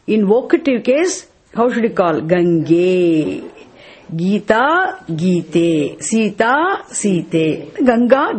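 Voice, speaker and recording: A woman's voice: a little high, darkish tone, slightly rough. A woman with a Tamil accent teaching scripture verse by verse, repeating key phrases emphatically and checking with tag questions. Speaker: teacher of Sanskrit and Vedanta scripture. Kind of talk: teaching class, verse-by-verse explanation.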